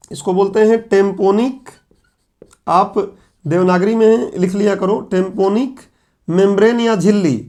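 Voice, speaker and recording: A man's voice: high voice, a little mellow. A middle-aged male teacher with a sore throat lecturing a class at a board, explaining step by step and posing questions that he answers himself.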